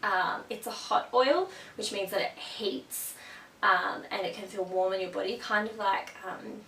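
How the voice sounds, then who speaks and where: This young Australian woman has a cold and sounds a little sniffly as she chats to her viewers about a product, gushing and dropping lots of ums like a typical vlogger. Her mid-range voice is a little slow and creaky, with a fairly bright tone. The recording comes across roomy and distant, with a faint hum.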